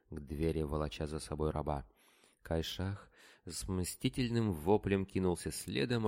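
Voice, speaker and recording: A man narrating an adventure audiobook in a steady, dramatic storytelling manner. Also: low voice.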